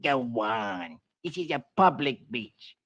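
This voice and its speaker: A man's voice: medium pitch, sing-song, slow, fairly bright tone, heavily acted. A man voicing a hot-tempered, boastful cartoon duck, read aloud from a comic page on an old radio broadcast. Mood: sheepish. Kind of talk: 1940s radio comic reading. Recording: dull lo-fi vintage radio recording.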